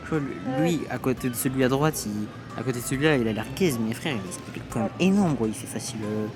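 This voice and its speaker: A man's voice: mid-range voice, expressive, fast talker, music in the background. Young man vlogging in casual slang. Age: young adult. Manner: slangy, informal. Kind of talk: casual travel vlog chat. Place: mostly outdoors at a seaside city, later inside an apartment.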